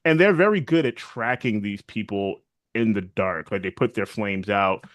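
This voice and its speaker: A man co-hosting a casual podcast recap of a TV series, animated and often acting out characters' lines. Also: fairly low pitch, normal speed, dry recording. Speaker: podcast co-host.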